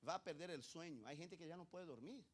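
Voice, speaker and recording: Man, pastor, high voice, animated sermon, rhetorical questions, quiet then loud. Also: brisk, husky. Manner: animated preaching, swings from quiet asides to loud emphasis.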